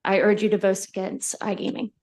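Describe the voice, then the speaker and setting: A woman's voice: mid-range voice, flat delivery, a little fast, darkish tone. A woman reading heartfelt, pleading testimony as a public witness.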